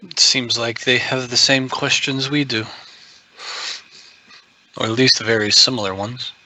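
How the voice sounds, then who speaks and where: Very bright, slow-talking male player. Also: medium pitch, fairly even intonation, low-quality recording. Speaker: tabletop game player. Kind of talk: casual game chat. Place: online group call.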